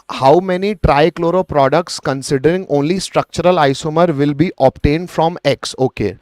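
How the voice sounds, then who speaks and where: A man's voice: on the high side, darkish tone, no room sound. Indian-accented man teaching a live class, dry sound. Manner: mixes Hindi into English, addresses students as beta. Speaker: chemistry teacher. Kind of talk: live online exam lesson, explaining and answering student questions.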